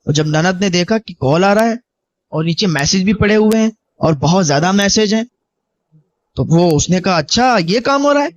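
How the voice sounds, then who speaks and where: A man's voice: high-pitched, dull audio. A man preaching a sermon, telling a moral story earnestly and exhorting his listeners. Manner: earnest, exhorting, acts out dialogue. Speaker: Islamic preacher.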